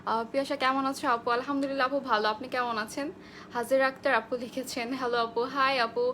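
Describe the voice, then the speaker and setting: A woman's voice: high-pitched, fairly even intonation, fast talker, sharp tone, a little hiss or hum. A young woman from Bangladesh, a makeup artist, chatting through a live makeup tutorial, greeting viewers by name and mixing in English phrases.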